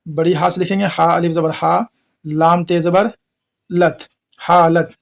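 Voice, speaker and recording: A man's voice: a little high, flat delivery, measured pace, creaky. A man teaching Urdu spelling who spells each word out letter by letter, asks his viewers questions and repeats every word.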